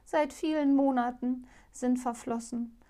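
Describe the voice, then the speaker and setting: A mournful princess trapped in an owl's body, voiced by a woman reading aloud, plaintive and gentle. Her voice sits a little high and lifts further when she pleads. She speaks in a formal, old-fashioned fairy tale manner. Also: fairly even intonation, a little slow. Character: sorrowful enchanted princess turned owl, female.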